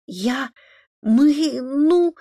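A man's voice: very high voice, animated, moderate pace, no room sound, clean studio sound, voice pushed up. A man voicing a timid young boy in an audiobook, who stammers and hesitates as he confesses. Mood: stammering.

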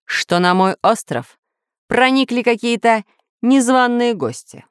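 A woman's voice: fairly high pitch, big pitch swings, unhurried, smooth, no room sound, studio quality, pitched above the performer's own voice. A woman voicing a boastful, villainous male scientist who rules dinosaurs, pompous and threatening in a storybook reading. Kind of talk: storybook narration.

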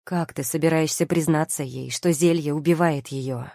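A passionate young lord speaking in hard, barely held fury, read by a woman for an audiobook. His lines come out firm and clipped in a low, dark voice. The recording is close and dry. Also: fairly even intonation, moderate pace, creaky, no echo. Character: angry, passionate young male lord in love. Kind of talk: audiobook character reading.

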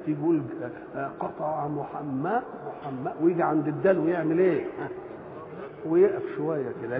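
A man's voice: fairly high pitch, background noise. An older man with an Egyptian accent giving a colloquial religious lesson, asking rhetorical questions and answering them himself. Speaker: Quran commentator. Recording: tinny lo-fi recording in echoey hall.

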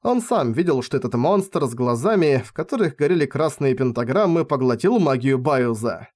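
A man reading an audiobook in steady scripted narration. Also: mid-range voice, normal speed.

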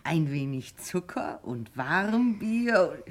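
An actress playing a tipsy, dramatic middle-aged wife who talks theatrically and keeps repeating herself in an old radio play. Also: female voice, deep voice, big pitch swings, takes it slowly, full character voice. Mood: chatty, tipsy. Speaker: Mrs Micawber. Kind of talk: 1950s radio play acting.

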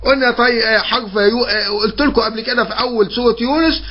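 Man, Egyptian Arabic accent, high voice, dull lo-fi recording, patient call-and-response teaching. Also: fairly even intonation. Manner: asks questions, then answers them himself; repetitive, patient explaining with drawn-out fillers. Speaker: Quran memorization teacher. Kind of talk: recorded online course lesson.

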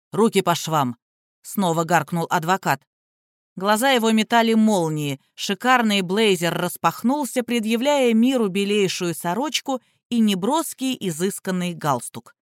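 A steady audiobook narrator, dry sound. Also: medium pitch, unhurried, no echo. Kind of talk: scripted narration.

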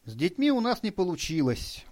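A man narrating an audiobook in a steady, even storytelling read. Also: high-pitched, a little fast. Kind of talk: scripted narration.

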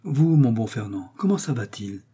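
A man voicing a kind, modest doctor who speaks in a gentle, measured way in an audiobook. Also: medium pitch, very animated, husky. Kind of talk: audiobook character voice.

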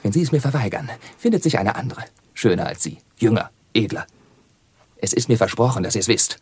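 A man's voice: mid-range voice, animated, fairly quick, husky, dry recording. An actor playing a defiant young man in a radio play, speaking in an insistent tone.

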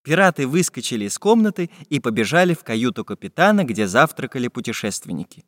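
Lively male fairy-tale narrator. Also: mid-range voice, fast. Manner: lively, expressive storytelling. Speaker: audiobook narrator. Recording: dry studio voice with long reverb.

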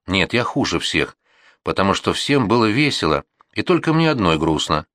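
A man's voice: low-pitched, very animated, normal speed, fairly bright tone, dry recording, studio quality. A man voicing a hurt, sulky teenage girl in an audiobook, whiny and complaining. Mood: tearful. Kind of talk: audiobook reading.

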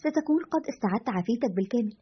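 A woman's voice: on the high side, expressive, very fast, slightly rough, lo-fi sound. A woman voicing an earnest, respectful young man who produces a radio show, in a storybook reading.

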